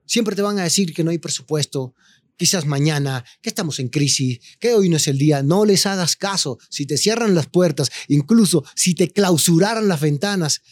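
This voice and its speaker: A man, a guest telling his story with animated, slangy chat. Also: on the high side, normal speed, no room sound. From Cuba. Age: 40s. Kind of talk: casual interview chat.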